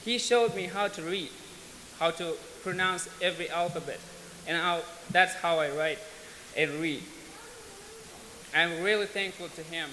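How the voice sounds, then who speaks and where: An earnest young Afghan man, somewhere in his twenties, offers his testimony as a guest at a church, his voice on the high side and sharp. He keeps things plain and unhurried, with small restarts here and there. The large hall gives the recording an echo, and there's a faint hiss underneath.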